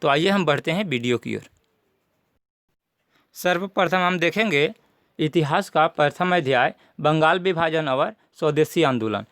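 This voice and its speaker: A man's voice: on the high side, lively intonation, unhurried, fairly bright tone, no echo, clean studio sound. A man teaching a class, walking students methodically through a syllabus and repeating key points. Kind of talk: syllabus walkthrough lesson.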